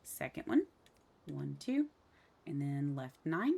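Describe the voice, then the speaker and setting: A low-voiced woman talks through a building tutorial in a slow, gravelly voice, counting every step half to herself. Loud mouse and keyboard clicking runs behind her. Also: sing-song, a little hiss or hum. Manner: counts steps aloud under her breath. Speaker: game building tutorial host. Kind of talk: casual step-by-step voice-over.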